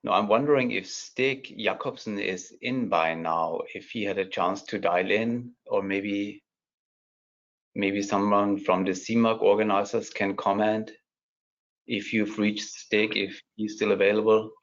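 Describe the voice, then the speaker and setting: Low-ish guy running an online panel, polite thank-yous, kinda muffled call sound. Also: fairly even intonation, measured pace, a bit bright. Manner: polite, wraps things up with thanks. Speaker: moderator. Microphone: video call. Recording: slightly muffled call audio.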